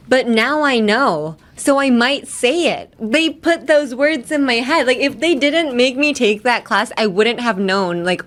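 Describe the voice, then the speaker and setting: With a fairly high, fairly bright voice, a podcast host teaches phrases on her casual language-lesson show. She chats in a rambling way, often drifting into tangents.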